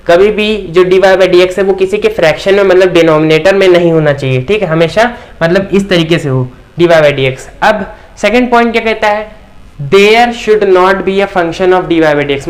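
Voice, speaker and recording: A man teaching a maths lecture at a board, asking the class questions and answering them himself, often checking in with "theek". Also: sits high.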